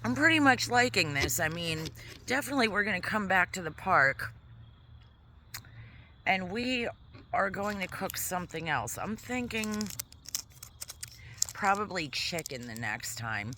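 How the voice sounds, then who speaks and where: A woman vlogging casually in a quiet park, chatting in a rambling way while she eats. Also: on the low side, lively intonation, unhurried, long pauses, slight background noise. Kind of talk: casual vlog chat. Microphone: camera mic.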